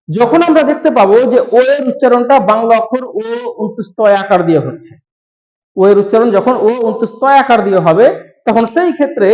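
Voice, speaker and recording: High-voiced man teaching grammar patiently. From West Bengal, India. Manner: slow, repetitive step-by-step explaining. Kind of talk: explaining grammar rules to students. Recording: echoey, dull room sound.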